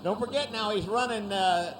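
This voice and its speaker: A man works as a tractor pull announcer, calling the event in an informal, conversational style. His voice sits clearly high for a male. Engine and vehicle noise runs faintly behind him. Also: normal speed. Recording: noisy event with engine rumble.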